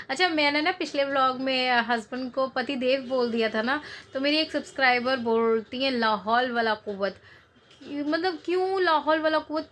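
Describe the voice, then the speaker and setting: A woman's voice: on the high side, fairly bright tone, slight background noise. A woman in her thirties chatting casually in a home cooking vlog, rambling and joking as she talks. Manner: chatty, rambling, jokes and laughs. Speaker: cooking vlogger. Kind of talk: casual chat to camera.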